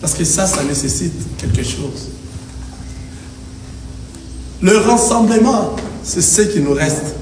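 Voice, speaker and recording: In a reverberant church hall, a high-voiced pastor gives an expressive sermon at a measured pace, his emphatic preaching met with amens from the congregation in call-and-response. A distant mic captures it amid faint noise.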